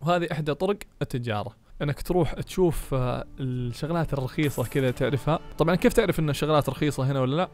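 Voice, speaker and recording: A man giving excitable let's-play commentary, cursing enemies and cheering allies. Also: fairly high pitch, rapid-fire, few pauses. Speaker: gaming YouTuber. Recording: music playing behind.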